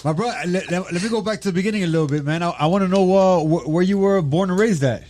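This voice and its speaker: Fast-talking, stammering podcast host. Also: male voice, sits high, darkish tone, a little hiss or hum. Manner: quick, stumbling questions with many restarts. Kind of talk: casual podcast interview.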